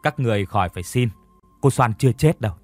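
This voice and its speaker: Stern old village woman, as a man puts her on, blunt, brisk, dry sound. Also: medium pitch, expressive, darkish tone, no room sound, faint music behind, natural voice.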